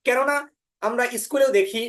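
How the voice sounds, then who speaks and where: Woman teacher. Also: a little high. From Bangladesh. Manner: often says "inshallah", pauses with "ah" fillers; demonstrates pronunciations by repeating words slowly. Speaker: spoken English teacher. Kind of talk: online orientation lecture.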